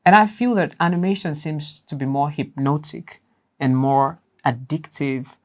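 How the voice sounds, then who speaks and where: A young man with a boyish voice that lacks deep range, talking casually as an interview guest. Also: fairly even intonation, a little slow. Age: young adult. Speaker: interview guest, voice actor and writer.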